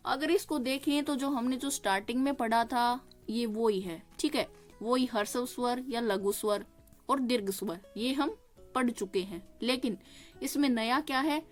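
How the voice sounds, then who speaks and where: A woman teaching a grammar lesson, explaining step by step, checking in with the listener and sounding out vowels slowly. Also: on the high side. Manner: explains step by step, often asking "ठीक है?". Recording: faint music behind the voice.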